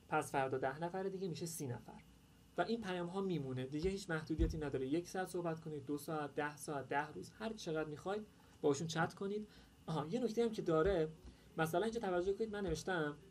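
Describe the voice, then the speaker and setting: A man's voice: fairly high pitch, a little mellow, slight background noise. A man presenting an online workshop, explaining an app in a casual, chatty way with many hesitations. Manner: informal, chatty, many "uh" fillers. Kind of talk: casual screen-share tutorial.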